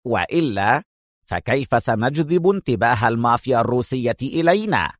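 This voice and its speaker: A man voicing a stern young male team leader in an audiobook, speaking in a firm, measured way. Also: medium pitch, lively intonation, dry recording, studio quality, natural voice.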